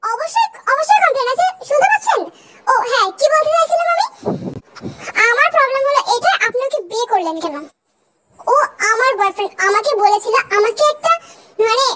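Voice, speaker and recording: A woman voicing a dramatic, jilted young ex-girlfriend who talks loudly and keeps repeating herself over the phone, in a comic fan dub. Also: very high voice, lively intonation, a little fast. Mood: whiny. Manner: loud, whiny, repeats herself.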